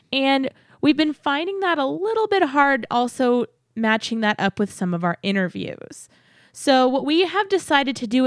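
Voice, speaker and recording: A woman's voice: a little high, no echo, studio quality. A woman hosting a podcast, giving listeners a chatty update in a cheery, enthusiastic way. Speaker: podcast host. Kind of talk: upbeat podcast announcement, chatty.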